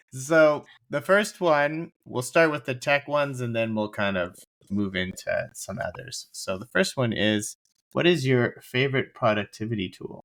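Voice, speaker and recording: A woman hosting a podcast interview, easygoing and quick to laugh. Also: rumbling low. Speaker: podcast host.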